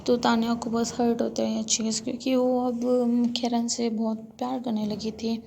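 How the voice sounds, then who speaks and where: Gravelly-voiced woman casually retelling a story. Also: fairly high pitch, level tone, moderate pace, mellow, slight background noise. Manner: chatty retelling, filler-heavy, quotes lines in her own voice. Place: alone in a room, street noise heard from outside.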